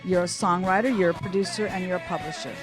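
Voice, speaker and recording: Low-voiced woman radio host. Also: quick pace, music in the background. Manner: upbeat, encouraging interviewer. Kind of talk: radio interview. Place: radio studio.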